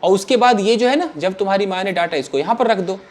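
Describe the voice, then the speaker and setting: A man teaching English grammar to a class, asking questions and answering them himself in an animated way. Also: high-pitched, fast talker.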